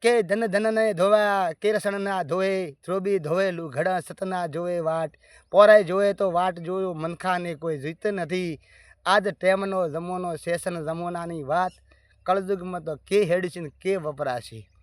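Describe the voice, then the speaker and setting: A man's voice: sits high, fairly even intonation, a little slow, no room sound, studio quality. A man giving a folk moral sermon. He talks in emphatic, repeated phrases and addresses his listeners as brothers.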